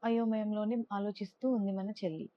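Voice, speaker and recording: A woman's voice: brisk, dull audio, a little hiss or hum. Woman telling a children's story. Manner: lively, expressive, raises pitch for characters' lines. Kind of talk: storybook narration with character voices.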